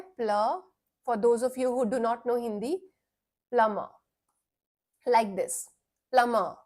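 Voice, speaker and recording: A young Indian woman with a fairly high voice teaches an online English class for children. She talks slowly and patiently and moves between Hindi and English as she explains words and how to say them.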